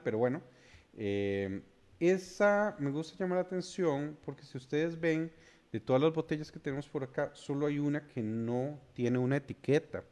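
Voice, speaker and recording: A Costa Rican man hosting a beer show, explaining brewing history in a halting way full of filler sounds. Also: mid-range voice, darkish tone. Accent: Costa Rican Spanish. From Costa Rica. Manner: hesitant, many filler sounds.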